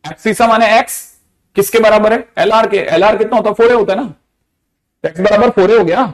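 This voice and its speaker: A man teaching a math class in a lively, teasing way, often repeating questions to get students to answer. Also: high voice, brisk.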